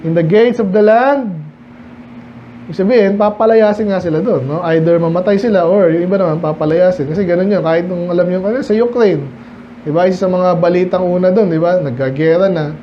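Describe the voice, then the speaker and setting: A man gives a midweek Bible study sermon in a high voice, reading each verse and then unpacking it in a relaxed, conversational way. He keeps asking his listeners questions. The church recording sounds dull and lo-fi, with a faint hiss behind him. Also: quick pace. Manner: explains English verses in conversational Filipino, rhetorical questions. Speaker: pastor.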